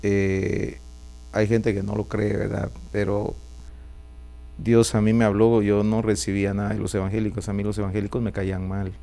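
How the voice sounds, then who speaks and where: A middle-aged man with a Guatemalan Spanish accent speaks as a pastor in an interview. His voice is low and gravelly with noticeable fry. He talks in an easy, chatty way and keeps tagging his sentences with a questioning "right?", over a faint mains hum. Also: little pitch movement, normal speed, warm tone. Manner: chatty, often tags lines with a questioning "right?". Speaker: pastor and prophet, interview guest. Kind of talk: relaxed testimony interview.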